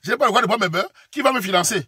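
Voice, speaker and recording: A man's voice: high voice, racing, sharp tone, slightly rough, dry recording, studio quality. A man from Cameroon with a Cameroonian French accent, scolding and lecturing his audience in a casual direct-to-camera rant. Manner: lecturing, admonishing, repetitive address. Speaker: online commentator.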